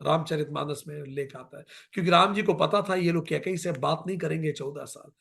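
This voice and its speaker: A middle-aged man gives a devotional discourse on scripture in a high, bright voice with a gravelly edge. He takes his time, dwelling on recited verses and dropping English phrases into his explanation. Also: brisk. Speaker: spiritual discourse speaker.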